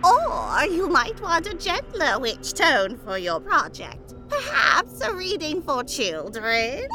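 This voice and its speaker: A woman voicing a gentle, kindly female witch for a children's story. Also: high-pitched, very animated, measured pace.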